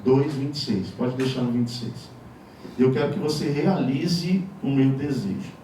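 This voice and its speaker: A Brazilian pastor preaches conversationally in a church sanctuary, dropping wry asides and chuckles. His medium-pitched voice is mellow and unhurried, captured from far off in the echoey hall with slight background noise.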